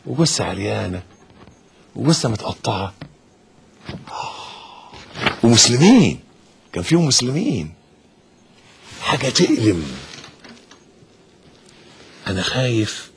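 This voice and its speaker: A man with an Egyptian accent preaching an impassioned sermon, swinging from hushed to loud. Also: fairly low pitch, slight background noise. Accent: Egyptian Arabic.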